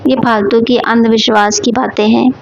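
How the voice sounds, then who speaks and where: A woman's voice: fairly high pitch, flat delivery, moderate pace, creaky. A woman voicing a stubborn, scornful young daughter-in-law who complains, on a dull lo-fi recording.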